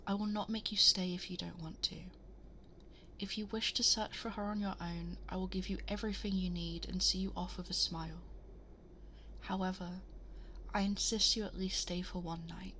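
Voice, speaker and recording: A woman playing a gentle, motherly, ageless cosmic princess in an ASMR bedtime roleplay, speaking tenderly and reassuringly, often in a breathy half-whisper, close to the microphone. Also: on the low side, fairly even intonation, normal speed, slight background noise. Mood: soothing, reassuring. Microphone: close binaural 3Dio microphone.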